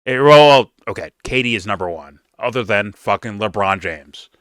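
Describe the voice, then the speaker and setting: A man with a low voice but a bright, forceful edge reacts on a casual show. He swears freely and stumbles into restarts as he thinks aloud. The mic is close and dry. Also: expressive, normal speed, clear, resonant tone, no room sound. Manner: loose, profane, stammering restarts with laughs.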